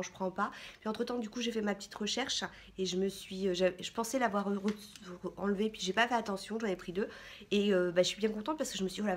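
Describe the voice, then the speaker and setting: A woman's voice: medium pitch, a little hiss or hum. A woman vlogger chatting casually through a shopping haul, rambling with many fillers and restarts. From France.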